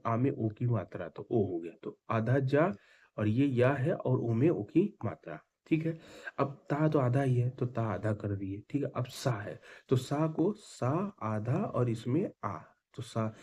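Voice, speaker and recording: A man's voice: mid-range voice, dark tone, breathy edge. A young adult man teaching an exam-prep lesson, patiently spelling things out piece by piece.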